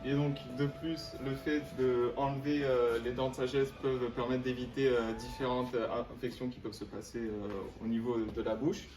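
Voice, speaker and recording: A young man giving an explanatory student presentation, haltingly searching for words. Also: mid-range voice, level tone, music in the background. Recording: roomy, distant mic, faint noise.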